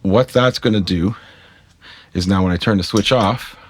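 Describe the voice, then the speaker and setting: Brief: man, deep voice, dry close mic, casual gear tutorial, rambling and friendly to viewers. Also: normal speed, breathy edge, no room sound. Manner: chatty, self-correcting, addresses viewers directly. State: talking with a pick in his mouth. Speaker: guitar gear tutorial maker. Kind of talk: casual screen-capture tutorial.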